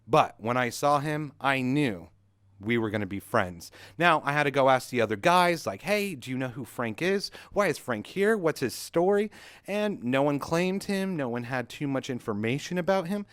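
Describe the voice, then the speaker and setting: A man's voice: medium pitch, lively intonation, normal speed, fairly bright tone, smooth, no room sound. A young adult man hosting a comedic rant vlog, telling a mock-dramatic story with sarcasm in a recording studio. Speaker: vlog host.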